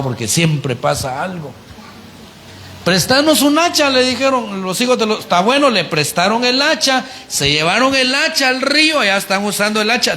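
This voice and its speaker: A man with a fairly high voice delivers an animated, conversational sermon, frequently tossing rhetorical questions to the congregation. A slight hiss or hum can be heard.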